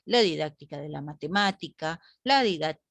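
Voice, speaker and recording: A woman's voice: low voice, lively intonation, normal speed, gravelly, dry recording. A woman teacher lecturing a class online, asking the group rhetorical questions and often adding "¿no?".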